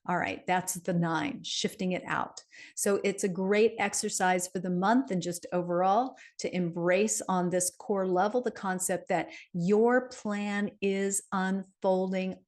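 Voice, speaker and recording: A middle-aged woman giving a casual monthly numerology forecast, chatty, with many fillers and tag questions. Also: mid-range voice. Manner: chatty, frequent "right?" and fillers, light laughs.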